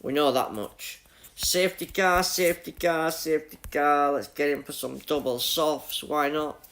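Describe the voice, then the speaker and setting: Fairly even in intonation and measured in pace, a young Yorkshire streamer with a slightly bright voice, a touch high for a man, chats through a racing game. His easy, matey talk with viewers includes greeting them by name, laughing often and joking about his bad luck.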